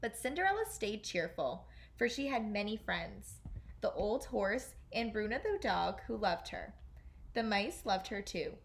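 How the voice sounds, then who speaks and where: A woman teacher reads a children's fairy tale aloud in an expressive storytelling style. Her voice is mid-range, and she's unhurried.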